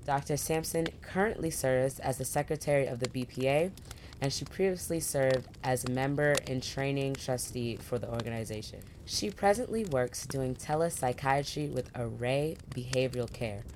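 A woman's voice: rumbling low, moderate pace, a little mellow, a little hiss or hum. A woman hosting a podcast, introducing her guest with gushing enthusiasm and casual asides like "y'all". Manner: effusive, peppers speech with "y'all" and "like". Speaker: podcast host. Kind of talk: podcast interview.

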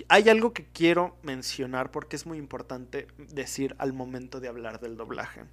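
A young man speaks in a slightly high-pitched voice. He talks casually and straight to his viewers. He rambles, backtracks and interrupts himself as new points come to mind. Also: a bit bright. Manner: chatty and digressive, self-interrupting. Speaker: video commentator. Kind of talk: casual monologue to camera.

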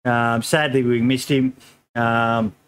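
With a medium-pitched voice that's a little hoarse, this middle-aged podcast host chats in a laid-back, wandering way. Ums fill his pauses, and he calls people mate.

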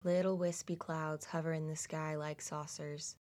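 A woman narrating a guided meditation slowly and soothingly, in a hushed delivery with long pauses. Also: low voice, flat delivery.

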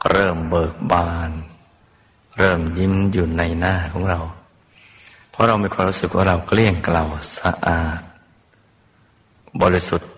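A man, a Buddhist teacher, gently guiding a meditation and calling his listeners his children. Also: low voice. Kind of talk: guided meditation sermon. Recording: long hall reverb.

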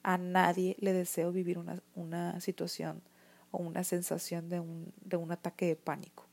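An earnest woman with a Mexican accent tells her personal story to the camera. Her voice sits low and mellow, with a fairly flat melody, and she often restarts her sentences as she searches for words. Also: moderate pace, gravelly, husky. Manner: earnest and emotional, many restarts and "o sea" fillers. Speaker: vlogger sharing her experience. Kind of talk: personal testimony talk to camera.

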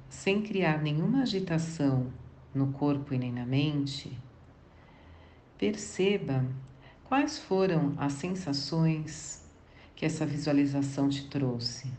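A Brazilian woman leading a guided meditation in a soothing, gentle way, leaving long pauses. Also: deep voice. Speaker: guided meditation instructor for children and teenagers.

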